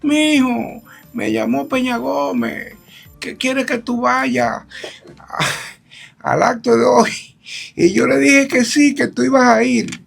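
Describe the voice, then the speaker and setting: A man doing an elderly father's high pleading voice. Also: slow, gravelly, long pauses, a bit bright, breathy edge, faint music behind, exaggerated voice. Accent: Dominican.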